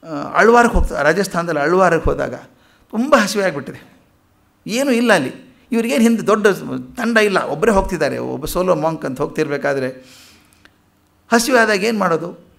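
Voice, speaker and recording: Kannada-accented guy lecturing in a hall, raspy gravelly tone, tells stories and does the voices. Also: high voice, brisk, long pauses. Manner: animated storyteller, acts out quoted speech. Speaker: public speaker. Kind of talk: public lecture with storytelling.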